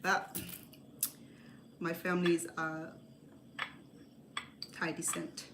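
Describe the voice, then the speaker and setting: A woman from Cambodia hosts a cooking livestream, chatting casually while she cooks and rambling and correcting herself along the way. Her voice is lowish, level in tone, and slow. The kitchen sounds echoey, with clear background noise.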